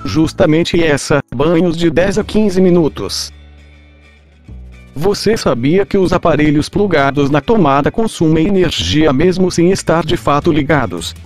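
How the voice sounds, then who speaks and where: Mad scientist with a robot voice, a man playing him, somewhat high-pitched, deadpan lecturer, light music underneath. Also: unhurried. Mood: lecturing. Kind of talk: comedic scripted explainer.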